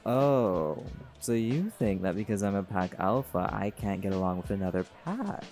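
Party music fills the background as a roleplay performer with a slightly mellow, lowish voice and lively intonation speaks at normal speed. His scripted monologue portrays a chill, cocky male jaguar shifter and pack alpha with a teasing, laid-back style.

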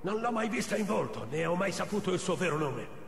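An actor playing a haughty, pompous captive royal physician in a video game. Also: male voice, sits high, animated, brisk, creaky. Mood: panicked. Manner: pompous, scornful. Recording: echoey hall reverb.

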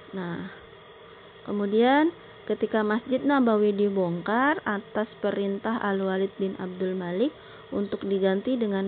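A woman teacher giving a recorded slideshow lesson, explaining slowly and often pausing on filler words. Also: mid-range voice. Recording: tinny phone-like sound with faint noise.

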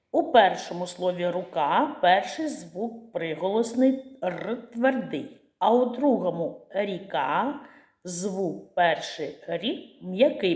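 A woman teacher talks to small children in a slow, deliberate way, spelling out each step and answering her own questions. Her voice sits at a middle pitch, and the room around her is echoey. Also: a little mellow. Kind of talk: slow clear lesson for young children.

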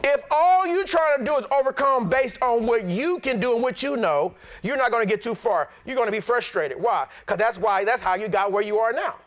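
High-voiced middle-aged pastor, preaching blunt and lively, swings his pitch all over. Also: fairly quick, hardly any pauses. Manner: animated preaching, plain-spoken and blunt. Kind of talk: sermon.

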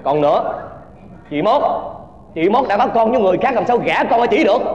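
A man's voice: sits high, lively intonation, brisk, roomy sound, long reverb tail, dull audio, music in the background. A man playing an exasperated young man in a stage comedy. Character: flustered young man of the family.

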